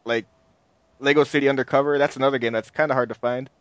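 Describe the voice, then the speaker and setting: A man's voice: mid-range voice, steady tone, quick pace, no room sound. Easygoing guy on a gaming podcast, kinda dull dry sound, shrugs everything off. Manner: laid-back, trailing off with "I guess". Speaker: podcast co-host. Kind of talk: casual chat about video games.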